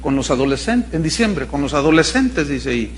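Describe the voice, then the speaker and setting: High-voiced man preaching a sermon. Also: sing-song, normal speed, a little hiss or hum. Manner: conversational storytelling, acting out people he quotes; dry irony toward the congregation. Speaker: pastor.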